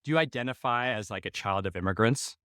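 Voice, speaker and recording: A man from the United States hosting a podcast, chatting in an animated, rambling way with casual swearing. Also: mid-range voice, fast, dry recording, clean studio sound. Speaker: podcast host. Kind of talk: casual conversation.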